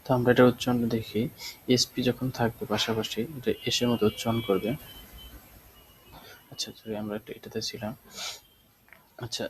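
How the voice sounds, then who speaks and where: A man's voice: on the low side, little pitch movement, moderate pace, pauses often, slight background noise, poor audio. A man teaching a language class, explaining step by step and answering his own questions. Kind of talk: spoken language lesson.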